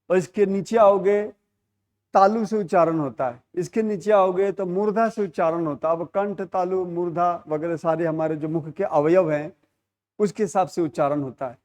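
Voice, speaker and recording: A man's voice: a little high, a little mellow. A middle-aged man teaching a Hindi grammar class, explaining points and repeating key terms as questions and answers. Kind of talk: classroom lecture.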